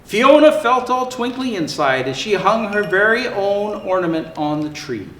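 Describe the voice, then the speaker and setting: Dressed as Santa Claus, a high-pitched man reads a children's picture book in an animated, theatrical way, drawing out words for emphasis. The room gives his voice a roomy echo, and faint background noise can be heard.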